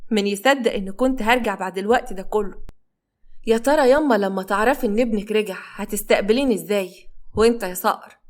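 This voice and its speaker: A woman's voice: mid-range voice, fast, natural voice. A woman voicing a bitter, vengeful man returning home. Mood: sorrowful.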